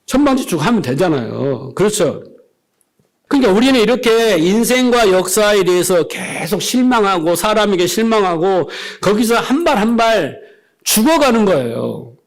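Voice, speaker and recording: A man's voice: high voice, sing-song, moderate pace. A middle-aged male pastor preaching a sermon, emphatic, often asking the congregation questions and acting out little dialogues.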